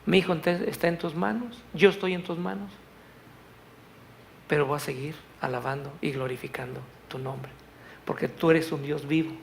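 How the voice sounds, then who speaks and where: A grieving pastor father prays in a soft, hushed voice, faithful but heavy, as a preacher acts him out. The tone is gravelly and fairly high. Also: steady tone, moderate pace, a little hiss or hum.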